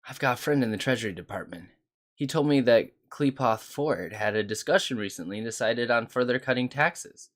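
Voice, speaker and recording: A man's voice: mid-range voice, brisk, a bit bright, lightly acted. A man reading aloud the lines of a chatty city resident who explains local matters.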